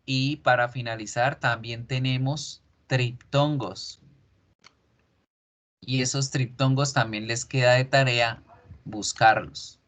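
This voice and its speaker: A male English teacher walks his students through pronunciation at a very slow, deliberate pace. He drags out each drill word and says it again and again, so every sound can be heard. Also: medium pitch, steady tone, a bit bright. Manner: slow, drawn-out repetitions of sounds and words. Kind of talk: online class lecture on pronunciation.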